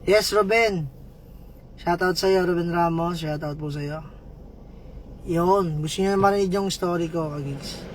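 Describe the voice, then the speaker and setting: A man livestreaming, chatting with viewers, giving shoutouts and telling a joke story in a casual, playful way. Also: high voice, measured pace, pauses often, slight background noise. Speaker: livestream vlogger.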